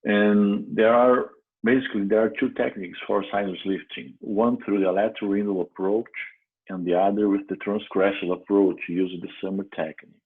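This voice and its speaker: A man from Brazil with a Brazilian Portuguese accent gives a clinical lecture as a dental surgeon, often restarting and pausing mid-phrase. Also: lowish voice, fairly even intonation, slightly rough. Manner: halting, frequent restarts and fillers. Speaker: dental surgeon presenting a case. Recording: tinny phone-like audio.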